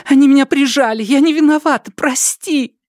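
A man voicing a flighty, panicky young woman singer in an audiobook, with a high, whiny, tearful pleading manner. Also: sing-song, unhurried, dry recording, clean studio sound. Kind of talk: audiobook character voice.

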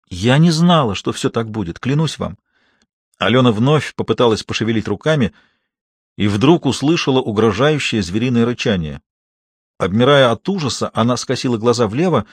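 A man narrating an audiobook thriller in a steady, tense storytelling manner. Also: mid-range voice, husky, no echo, clean studio sound. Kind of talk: scripted narration.

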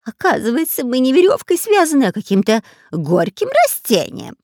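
A jittery, cowardly robber with a long nose whines and squeals, as a woman narrator puts him on, his voice pushed high. He sounds loud and bickering, close and dry for an audiobook. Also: wildly swooping pitch, normal speed, no room sound. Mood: whiny. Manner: whining, squealing, quarrelsome. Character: whiny, cowardly long-nosed male robber. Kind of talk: audiobook character voice.

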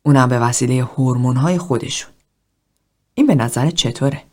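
A woman reading a cold, self-loathing middle-aged man in group therapy, speaking in a low, hushed, half-whispered confession. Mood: bitter.

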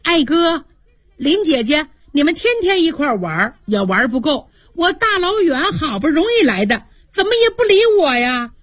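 A woman's voice: high voice, sing-song, normal speed, fairly bright tone, no room sound, studio quality, voice pushed up. A woman voicing a chatty teenage noble girl who lisps and talks in a bubbly way, in a radio storytelling. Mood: playful complaint. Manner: bubbly, lisping.

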